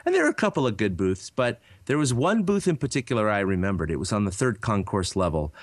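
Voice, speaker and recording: A man in his thirties tells a long rambling story in a casual podcast chat, his pitch swinging up and down as he goes. He stumbles through fillers and restarts. The sound is close and dry, with no room around it. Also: very animated, fast, dry recording. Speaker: podcast co-host.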